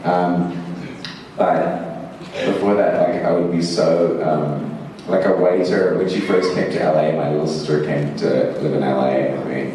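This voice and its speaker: Deep-voiced man telling stories in an echoey hall. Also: steady tone, a little slow, mellow, recorded from a distance, a little hiss or hum. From Zimbabwe. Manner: rambling and self-mocking, laughs often, many fillers. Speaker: actor answering fan questions on a panel. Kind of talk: convention Q&A storytelling. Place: large convention hall. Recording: echoey hall, mic heard from afar.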